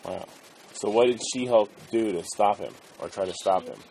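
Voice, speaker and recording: A woman's voice: a bass voice, normal speed, vocal fry, warm tone, a little hiss or hum, low-quality recording. A woman as a parent at home, patiently repeating back and prompting a child's story. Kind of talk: casual chat at home.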